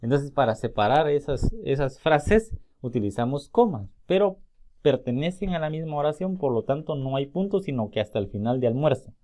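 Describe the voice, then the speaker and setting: A man's voice: mid-range voice, animated, mellow. Man, teacher, step-by-step explanations, recorded class. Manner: explains step by step, slowly sounding out example words. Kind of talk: recorded spelling and grammar lesson.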